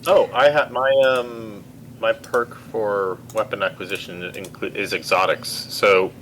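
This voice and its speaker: A man's voice: on the low side, fairly even intonation, measured pace, fairly bright tone, a little hiss or hum, poor audio. A man playing a tabletop game, chatting casually, hesitant at times but playful. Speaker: player.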